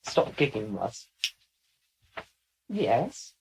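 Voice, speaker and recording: A woman moderating a channeling session, brisk and joking with the sitters. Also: extremely low pitch, very animated, gravelly, a little mellow, a little hiss or hum, low-quality recording. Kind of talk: channeling session, casual chat.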